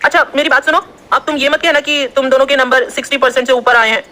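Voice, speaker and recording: A woman voicing a loud, dramatic young female student who shouts and gets excited easily. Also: sits high, fast talker, voice pushed up.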